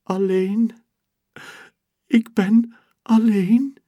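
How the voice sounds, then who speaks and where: A man voicing a small girl astronaut who is alone in her rocket, speaking in a high, breathy childlike voice. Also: big pitch swings, slow, darkish tone, dry recording, studio quality, heavily acted. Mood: lonely, tearful. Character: little girl astronaut, lonely but cheerful.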